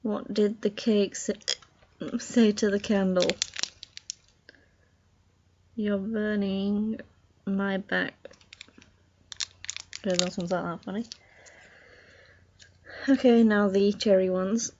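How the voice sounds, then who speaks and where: Casual woman vlogger with hiccups, unhurried and halting, slightly muffled home recording. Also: medium pitch, steady tone, background noise. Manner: reads jokes aloud haltingly, laughs at own slips. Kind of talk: casual video chat.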